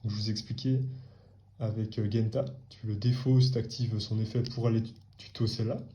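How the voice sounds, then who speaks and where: Man, casual deck presenter, monotone delivery, mellow tone, hesitant fillers. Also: fairly low pitch, normal speed. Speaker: card game deck presenter. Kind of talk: casual chat.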